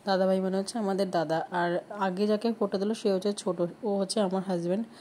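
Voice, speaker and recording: A woman's voice: mid-range voice, fairly even intonation, fast talker, dark tone, a little hiss or hum. A woman narrating her vlog in a chatty way, explaining who each family member is. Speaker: vlogger.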